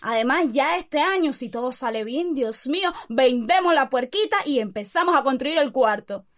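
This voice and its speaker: Woman as a Cuban girlfriend, fussy, excitable, high voice, exclaiming, complaining. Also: moderate pace. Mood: fretful.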